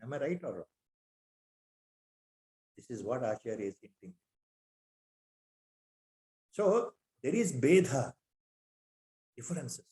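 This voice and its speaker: A man's voice: medium pitch, sing-song, takes it slowly, long pauses, mellow. A man with an Indian accent gives a spiritual discourse, reciting Sanskrit verses and asking repeated rhetorical questions. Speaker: spiritual teacher.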